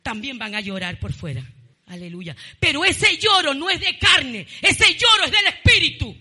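A woman pastor delivers a fervent sermon in a bright, forceful voice. She punctuates her points with bursts of praise. At times she climbs into shouted emphasis. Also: high voice, big pitch swings, moderate pace. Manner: fervent preaching, often repeating "gloria a Dios", with shouted bursts.

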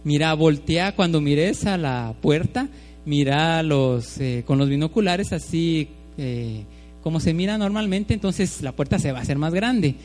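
Man telling a story as a sly salesman, smooth-talking, faint music under a reverberant hall. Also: a little high, measured pace, darkish tone, natural voice. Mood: explaining. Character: sly adult male salesman, smooth talker.

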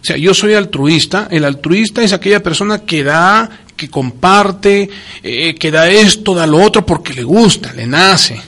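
A man's voice: high voice, lively intonation, unhurried, sharp tone. A man speaking in a preacherly, emphatic way on a religious talk program, often repeating his key phrases for stress.

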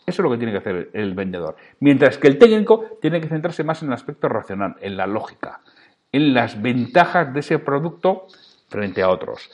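Lively, emphatic Spanish man coaching. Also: mid-range voice, normal speed. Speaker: podcast host on sales. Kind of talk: solo instructional podcast.

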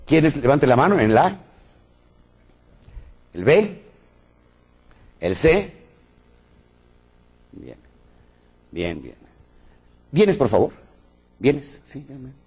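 A man's voice: mid-range voice, very animated, very slow, long pauses, darkish tone, slightly rough. A man with a Mexican accent giving a live business lecture with jokes, quizzing the audience with frequent tag questions. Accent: Mexican Spanish. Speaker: seminar speaker.

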